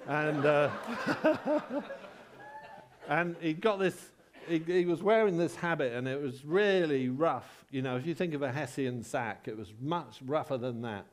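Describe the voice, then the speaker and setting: His voice leans high as he preaches in a laid-back, talky style, with many pauses and self-mocking personal stories.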